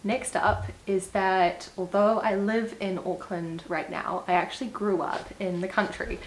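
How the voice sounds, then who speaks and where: A woman's voice: medium pitch, fairly even intonation, measured pace, rough recording. A woman in her twenties with a New Zealand accent, chatting casually to camera in a get-to-know-me vlog, upbeat with small laughs. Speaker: vlogger. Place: indoors at home, seated. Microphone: small clip-on mic.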